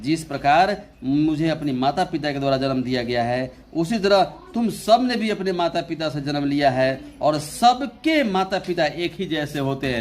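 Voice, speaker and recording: Slow, repetitive male Hindi teacher. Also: on the high side, slight background noise. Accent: Indian English. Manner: slow, repeats phrases, reads English lines very slowly. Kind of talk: Hindi poetry lesson explaining a poem.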